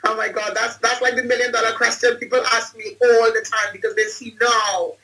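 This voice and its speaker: A woman's voice: fairly high pitch, flat delivery, a little fast, bright, forceful tone, distant mic, rough recording. A woman from Trinidad and Tobago, telling her life story emphatically as an interview guest on a video call. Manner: emphatic, repeats phrases for effect. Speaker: guest, entrepreneur and speaker.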